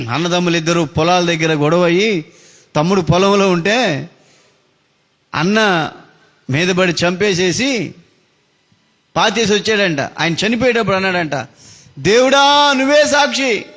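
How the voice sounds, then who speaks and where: A man's voice: sits high, a little slow, long pauses, fairly bright tone. A man preaching a sermon, telling a story dramatically with big rises and falls in his voice. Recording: long reverb of a hall.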